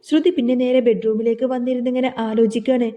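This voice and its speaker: A woman retelling a TV serial episode in steady storytelling, voicing the characters' lines in her own voice. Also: a little high, quick pace, in a large hall. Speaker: serial recap narrator.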